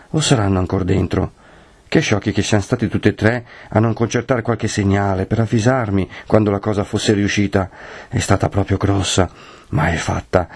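A man voicing an anxious middle-aged peasant woman with a high, fretful manner. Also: creaky, breathy edge, dry recording.

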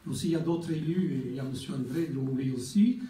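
A man with an Italian accent giving a formal ceremony speech as a community representative, halting and repeating words. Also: mid-range voice, dark tone. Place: ceremony hall. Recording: echoey hall, from far off, faint noise.

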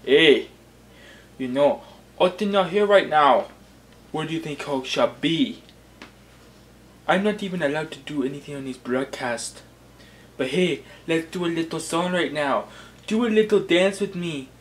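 A man voicing a laid-back male buddy who talks in Jamaican-style patois, slow and sing-song in a comedy skit. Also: on the high side, animated. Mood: playful. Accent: Jamaican-style patois, put on.

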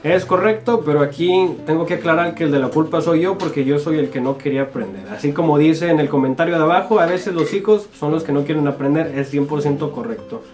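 Speaking fast with few pauses, a young Mexican man in his twenties has a fairly high-pitched voice with a darkish tone, and faint music can be heard behind him. He's a guest YouTuber answering viewer comments in a small home studio. He jokes and laughs often in an informal Mexican Spanish-accented style.

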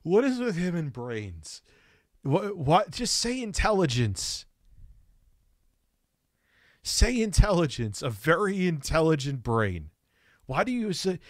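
A man's voice: mid-range voice, no echo, studio quality. A man streaming, giving casual, profane and mocking commentary while reacting to clips, often laughing.

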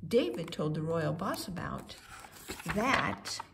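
A woman reads a children's storybook aloud with theatrical, sing-song emphasis, the way a storyteller performs for young listeners. Her lowish, creaky voice is very animated, and she takes her time. Background noise can be heard.

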